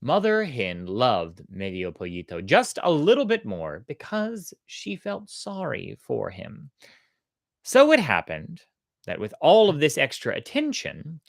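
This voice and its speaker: With a creaky, lively voice of varied pitch, a storytelling host talks at a measured pace in a close, dry recording. Their thoughtful, conversational delivery alternates between casual explanation and expressive storybook reading.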